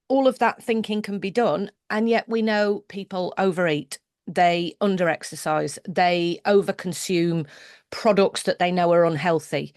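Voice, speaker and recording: A British woman leads a conversational interview in a steady middle register. Her voice sounds dry and close, with little room around it. She thinks aloud, doubling back with restarts and asides as she builds a question. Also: medium pitch, dry recording. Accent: British English. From United Kingdom. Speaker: podcast host.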